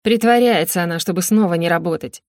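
A woman's voice: on the low side, fast, a little mellow, no echo, clean studio sound, close to an everyday voice. Brief: a woman reading a spiteful, sarcastic maid, storybook.

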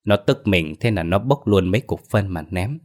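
This folk horror story comes from a man with a low, deep voice who neither rushes nor drags. Scene after scene, his storytelling remains grounded, earthy, and simple.

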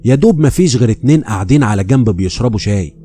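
A man with an Egyptian accent telling a first-person horror story, acting out the dialogue in a lively way. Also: medium pitch, rapid-fire, slightly rough, soft background music. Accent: Egyptian Arabic. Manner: lively, quoting dialogue back and forth.

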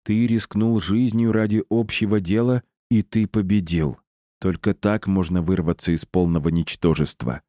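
A man reading an audiobook voices a calm, solemn and kind female river spirit. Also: on the low side, moderate pace, dry recording, studio quality, lightly acted.

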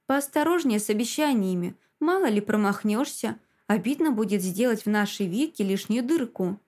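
A woman's voice: medium pitch, expressive, moderate pace, darkish tone, lightly acted. A woman reading the lines of a tough, protective man in an audiobook, curt and threatening.

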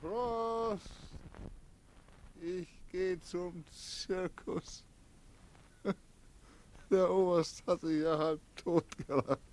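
A bitter, drunk young returning soldier. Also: male voice, a little high, bright, forceful tone. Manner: slow, bitter, sarcastic. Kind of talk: 1940s radio drama acting.

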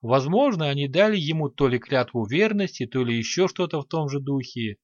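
A man voicing a quick, indignant scholarly count in an audiobook. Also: medium pitch, animated, no room sound, muffled recording, natural voice. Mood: explaining.

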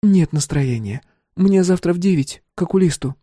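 A man's voice: high voice, expressive, normal speed, dark tone, dry recording, studio quality, pitched above the performer's own voice. A man doing a fretful, teasing young wife. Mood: weary. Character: anxious, sharp-tongued young wife. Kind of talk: audiobook character voice.

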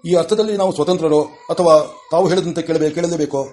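A man voicing a dignified, humble human king, in a measured, formal audiobook reading. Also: on the high side, steady tone, dark tone, lightly acted. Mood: courteous.

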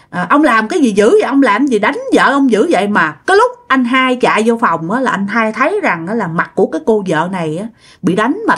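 Addressing her listeners directly, a woman tells a spoken ghost story in a chatty, conversational style. She has a slightly high, fairly bright, somewhat rough voice.

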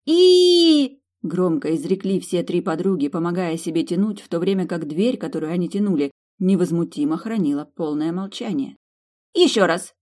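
A woman's voice: fairly low pitch, a little fast, hardly any pauses, dark tone. Woman narrating a comic novel. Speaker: audiobook narrator. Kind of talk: scripted narration.

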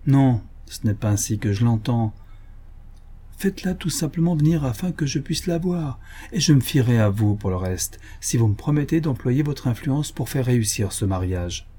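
A man playing a dying old baronet, loud and imperious. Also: mid-range voice, animated, moderate pace, slightly rough. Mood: pleading. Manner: insistent and commanding, rising to angry outbursts. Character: dying, hard-drinking old baronet, demanding and irascible.

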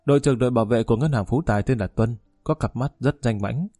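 A man narrating an audiobook in a steady, even way. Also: medium pitch, quick pace, husky, no room sound, studio quality.

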